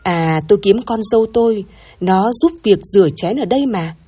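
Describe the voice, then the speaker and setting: A woman's voice: medium pitch, lively intonation, normal speed, warm tone, husky. A woman voicing a suspicious, worried grandmother in her old age, who mutters and frets, in a narrated audio story. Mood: wary. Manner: fretful, muttering.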